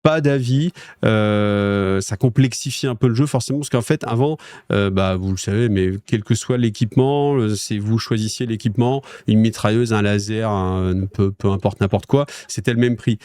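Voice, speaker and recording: A man's voice: fairly low pitch, darkish tone, no room sound, studio quality. A French man hosting a wargaming news show, chatting casually with viewers in a rambling way, with lots of fillers and restarts. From France.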